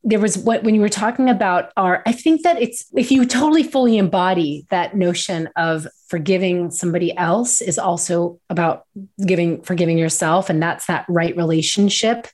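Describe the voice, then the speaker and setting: A woman hosting a conversational interview. She is warm and affirming, building her questions out loud with restarts and a gentle pace. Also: lowish voice, normal speed. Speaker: host.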